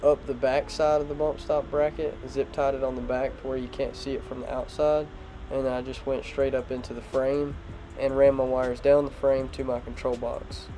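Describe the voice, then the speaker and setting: The audio is rough, with music underneath, as a young man with a stuffed-up nose talks through a truck project for his home garage vlog. His voice is mid-range at normal speed, and he explains things casually with some fillers.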